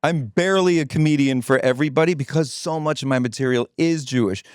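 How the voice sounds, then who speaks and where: A man hosting a podcast interview in a casual, joking way, playful and animated as he introduces his guests. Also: medium pitch, fast, clear, resonant tone, no room sound, studio quality. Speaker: podcast host. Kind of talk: casual comedic interview chat.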